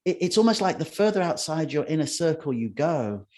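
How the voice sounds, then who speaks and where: A man's voice: on the high side, sing-song, brisk, darkish tone. A middle-aged man, a guest in a casual interview, telling rambling anecdotes with restarts and acting out quotes. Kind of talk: casual storytelling conversation.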